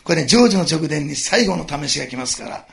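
A middle-aged man preaching a sermon to his congregation in an animated way, chuckling and asking his listeners questions. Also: fairly high pitch, fairly quick, creaky. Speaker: pastor.

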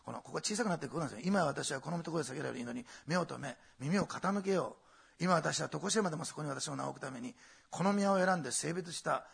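A middle-aged male pastor preaching a sermon, swelling loud and emphatic, then dropping to quiet asides. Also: fairly high pitch, vocal fry, breathy edge.

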